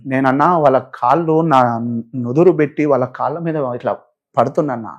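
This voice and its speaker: A man's voice: medium pitch, normal speed, highs cut off. A man with a Telangana Telugu accent, a pastor telling his own story as a guest in an interview. He relates it with feeling and acts out the voices of the people he quotes. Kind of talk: emotional personal testimony in an interview.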